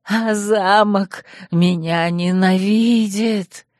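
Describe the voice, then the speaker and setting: A deranged, drooling man who giggles through his threats, as a woman reader puts him on. He drags his words out slowly in a sing-song way. The audiobook sound is dry and close, with no room around the voice. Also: medium pitch, steady tone, a little mellow, dry recording. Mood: whining. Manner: slow, sing-song ravings. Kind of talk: audiobook character voice.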